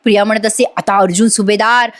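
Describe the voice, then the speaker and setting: A woman's voice: mid-range voice, fairly even intonation, fast talker. A woman giving a chatty voice-over review of a TV serial episode, exclaiming and speaking straight to her audience.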